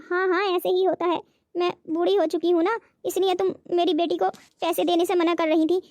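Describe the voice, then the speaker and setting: A woman's voice: extremely high pitch, flat delivery, fairly quick, darkish tone, dry recording, clean studio sound. A woman voicing an elderly, stingy mother-in-law in a cartoon who grumbles and scolds. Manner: scolding, complaining. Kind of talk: cartoon voice acting.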